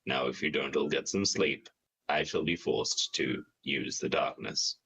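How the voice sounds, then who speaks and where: Guy gm doing a metallic creepy construct voice, kinda feminine, way low and threatening. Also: a little slow, creaky, sharp tone, slightly rough, full character voice. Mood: menacing. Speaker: game master.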